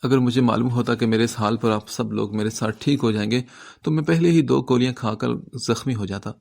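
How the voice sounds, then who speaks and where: A hurt young man keeps up his jokes and light teasing even while injured, as a man puts him on. His voice is gravelly and mid-pitched, read as a storybook part. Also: lightly acted. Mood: joking. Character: wounded young man, cheerful and joking.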